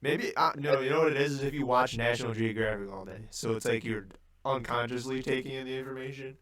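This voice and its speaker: A man's voice: mid-range voice, fairly even intonation, quick pace, fairly bright tone. A young man in his late teens on a podcast, talking in a loose, rambling way full of fillers. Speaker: podcast co-host. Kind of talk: casual chat.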